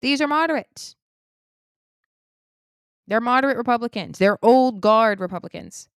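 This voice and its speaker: A woman giving a heated political opinion monologue, indignant, swinging between loud outbursts and low muttering. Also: expressive, normal speed, clear, resonant tone, dry recording, clean studio sound. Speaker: political commentator.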